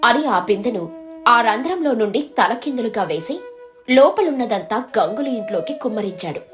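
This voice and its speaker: Woman narrating an animated moral story. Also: on the high side, moderate pace, music in the background. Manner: steady storytelling.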